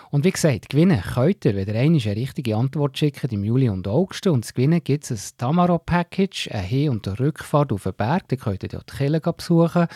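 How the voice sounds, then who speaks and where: A man's voice: medium pitch, dark tone, breathy edge, no echo, studio quality. A man with a Swiss German accent hosting a church radio program, announcing a contest. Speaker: radio host. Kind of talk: radio presenting.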